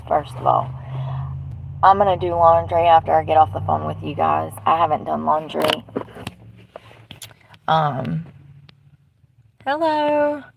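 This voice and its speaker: A woman with a stuffy nose hosts a casual livestream chat from inside her truck, rambling bluntly and swearing casually. Her voice is deep with vocal fry. The audio is poor, with a little hiss or hum.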